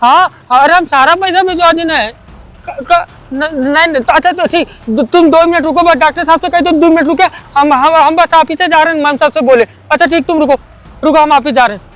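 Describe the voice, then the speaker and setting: A man's voice: very high-pitched, a little fast, a bit bright. A man playing a poor village security guard who stammers and pleads in rustic speech. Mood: anxious.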